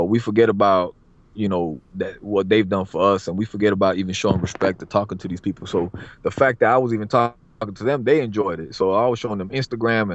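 A barber from Florida, USA, chats casually as a podcast guest, talking in a streetwise manner, repeating himself and asking "you know what I mean." His voice sits lowish. The audio is dull and lo-fi, with no room sound.

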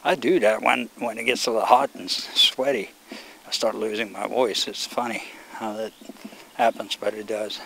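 An older Swedish vlogger walks a rural road through rice fields, filming himself with a handheld camera on a selfie stick and rambling casually to viewers. His gravelly, fairly low voice moves at a moderate pace and strains because he is losing it, with slight background noise around him.

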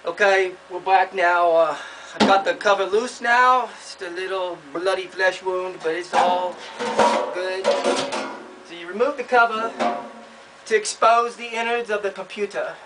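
A man's voice: high-pitched, fairly even intonation, a little slow, distant mic, music in the background, rough recording. A man hosting a mock repair demonstration in a bumbling, overconfident, know-it-all manner. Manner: bumbling, overconfident, falsely expert. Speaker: host of a parody repair video.

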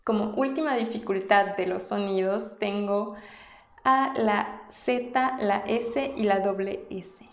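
A woman from Mexico with a Mexican Spanish accent, explaining in a casual vlog and demonstrating sounds slowly and patiently. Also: medium pitch, steady tone, vocal fry. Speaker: language vlogger. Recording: roomy echo.

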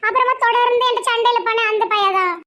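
A woman's voice: extremely high pitch, steady tone, fast, pushed and bright, slight background noise, pitched above the performer's own voice. A woman voicing an anxious young college girl with a Tirunelveli accent. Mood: pleading. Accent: Tirunelveli Tamil.

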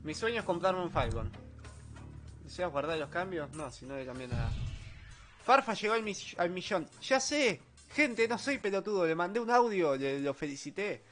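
A young man with an Argentine accent, live streaming a retro game in low spirits, joking in slang and reading chat aloud. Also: very animated, moderate pace, fairly bright tone, faint music behind. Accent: Argentine Spanish. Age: young adult. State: low-energy, subdued. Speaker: gaming streamer. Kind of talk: casual live stream commentary while gaming.

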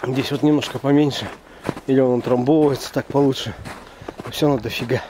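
A man's voice: mid-range voice, steady tone, fast, dark tone, slight background noise. A young man vlogging casually outdoors in a forest at night, joking about his own bad luck with a dry, self-mocking humor. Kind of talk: casual vlog talk to camera.

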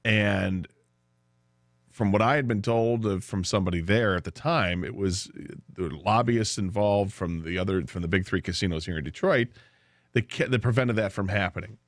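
On a studio broadcast mic, an American man co-hosting sports radio talks casually at normal speed. His voice sits fairly low, and the recording is dry.

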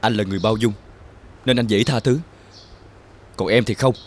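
A man's voice: fairly low pitch, steady tone, normal speed, a little hiss or hum, close to an everyday voice. A young man acting as a bitter brother who talks in a cold, resentful tone in a TV drama.

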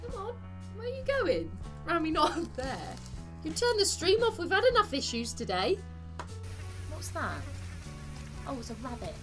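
A woman, streaming live, excitable and quick to swear and laugh. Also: high voice, soft background music.

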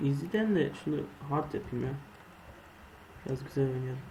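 A young man casually commenting on his own gameplay, muttering to himself and swearing or shouting when startled. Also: mid-range voice, lively intonation, moderate pace, poor audio. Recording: faint background noise.

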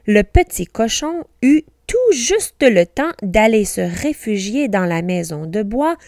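A woman teacher reading a storybook aloud slowly, carefully pronouncing each word for learners. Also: medium pitch, sing-song, a little mellow, dry recording, clean studio sound.

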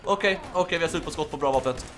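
A young man giving casual, excitable commentary while playing a video game, yelping and shouting during fights. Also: a little high, noisy background. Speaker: gaming YouTuber. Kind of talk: casual Let's Play commentary.

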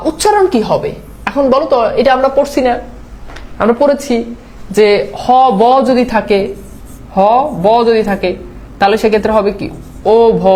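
A woman gives an online lesson for an admission exam, working through slides and explaining the rules one step at a time. Her voice is slightly high with a darkish tone, and she blends in English words while checking understanding with quick tag questions.

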